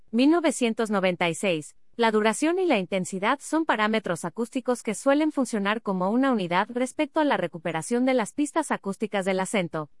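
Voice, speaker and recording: A woman reading an academic paper aloud in a steady, measured way, reading symbols and figure captions out literally. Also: medium pitch, no echo, studio quality.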